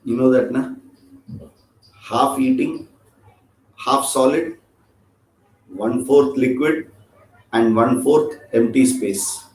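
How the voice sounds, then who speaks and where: A man's voice: mid-range voice, fairly even intonation, slow, long pauses, a little mellow. A man with an Indian accent teaching an informal scripture class, chatty and joking, often checking in with his listeners. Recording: roomy echo.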